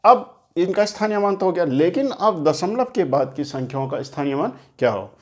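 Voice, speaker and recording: This man's voice sits high, with lively intonation and a moderate pace. While writing on a board during a children's maths lesson, he patiently walks through each step, frequently restating and rewording the important ideas.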